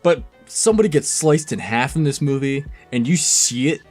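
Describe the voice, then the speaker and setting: A man co-hosting a casual film review, talking loosely with quick jokey asides and plenty of swearing. His voice sits at an ordinary middle pitch. Faint music plays behind him. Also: expressive, darkish tone.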